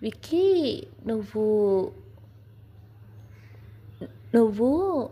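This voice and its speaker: A woman voicing an anxious, gentle young wife in a Telugu audio story, speaking in a hesitant, pleading way. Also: fairly high pitch, sing-song, drawn-out words, husky, exaggerated voice. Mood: nervous.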